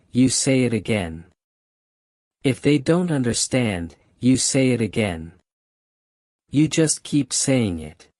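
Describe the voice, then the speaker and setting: This channel host, a man whose native language is Cantonese and whose accent is from Hong Kong, speaks to camera with motivational language advice for viewers, stressing and repeating the main points. His pitch is medium and his tone somewhat dark. The sound is clean, dry, and studio-like.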